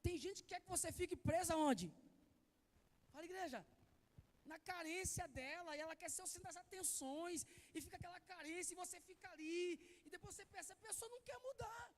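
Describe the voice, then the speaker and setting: A man preaching with a very high, quick voice, agitated and animated. He keeps throwing questions at his congregation and pushing for replies. He rushes from one point to the next. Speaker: pastor. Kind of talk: sermon.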